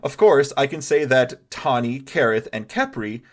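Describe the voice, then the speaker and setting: A man's voice: mid-range voice, sing-song, moderate pace. A man narrating as game master of a tabletop game, chatty and rambling, with many fillers and restarts.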